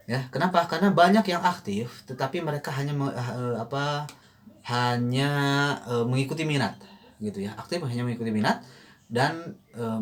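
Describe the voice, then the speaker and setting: A man coaching choir in a casual online lesson, thinking aloud with many fillers and briefly singing short lines to demonstrate. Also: mid-range voice.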